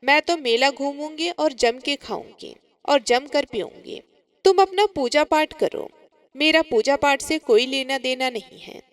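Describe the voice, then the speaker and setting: A spoiled young daughter-in-law snaps with scorn and irritation, as a woman acts her out. Her voice is high and sharp-tongued, in a storybook tale. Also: a little slow, no room sound. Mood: scornful.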